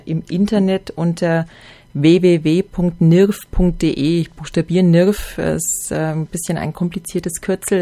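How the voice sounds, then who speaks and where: A woman's voice: on the low side, mellow. A woman speaking informally as an event organizer in an interview, explaining practical details. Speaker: film festival organizer being interviewed.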